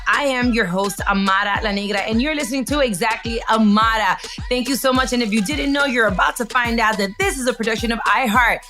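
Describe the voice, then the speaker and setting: A woman's voice: fairly high pitch, fairly quick, hardly any pauses, bright, forceful tone, faint music behind. A woman hosting a podcast in a bubbly, chatty way, slipping Spanish phrases into her talk. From raised in the United States. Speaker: podcast host. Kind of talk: casual podcast chat.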